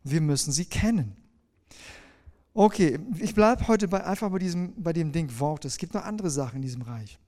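High-voiced man preaching conversationally. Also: lively intonation, moderate pace, warm tone. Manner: conversational, asks the listeners questions. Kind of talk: sermon.

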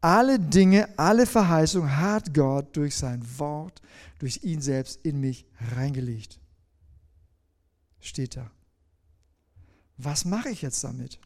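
A man's voice: fairly high pitch, expressive, slow, long pauses, darkish tone. A middle-aged man preaching a sermon to his congregation, asking them questions and demonstrating with a folding rule as he talks. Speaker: pastor.

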